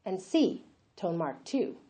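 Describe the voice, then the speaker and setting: A woman giving a clear, listed summary in a scripted language lesson. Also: on the low side, very animated, slow pace, warm tone. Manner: clear, enumerating summary delivery. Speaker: language instructor. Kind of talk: scripted narration.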